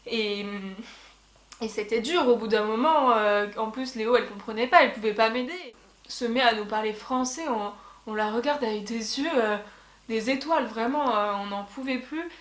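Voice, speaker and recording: With a voice a little high and a normal speed, a young woman vlogger narrates a travel tale over casual chat. French is her first language, she talks chattily with many fillers and restarts, and the room sound is echoey.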